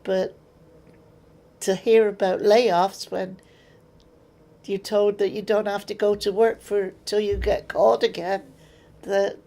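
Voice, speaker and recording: She speaks slowly in a level, dark, mid-range voice, pausing often. An older Englishwoman with an English accent, she shares her memories in an interview as a plain-spoken storyteller who reenacts conversations.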